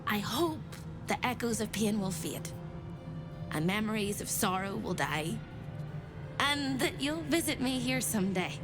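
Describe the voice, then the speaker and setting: A woman's voice: mid-range voice, animated, measured pace, music in the background, close to an everyday voice. An actress playing a traumatised, tenderly hopeful captive woman in a video game, speaking in an earnest, dreamy way. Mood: wistful, hopeful. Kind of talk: video game drama acting.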